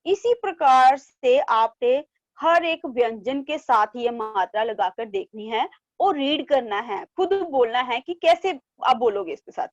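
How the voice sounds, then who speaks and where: Slow, high-voiced woman teaching little kids. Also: animated, dry recording, highs cut off. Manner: slow, drawn-out syllables for children to repeat; coaxing, repeats words in pairs. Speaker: primary school teacher. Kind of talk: online Hindi lesson for young children. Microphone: online class from home.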